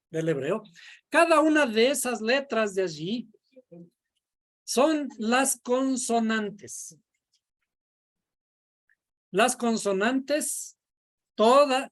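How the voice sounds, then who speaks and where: A woman teaching a Bible study class in a classroom, explaining step by step and quizzing her students. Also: fairly high pitch. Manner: slow, deliberate, quizzing the class. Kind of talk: classroom lecture. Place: classroom, indoors.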